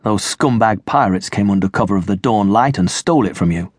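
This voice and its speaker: A man's voice: on the low side, brisk, slightly rough, dry recording, clean studio sound. A man voicing a loyal male vampire comrade who speaks steadily and reassuringly, in an audiobook. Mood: grave. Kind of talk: audiobook character voice.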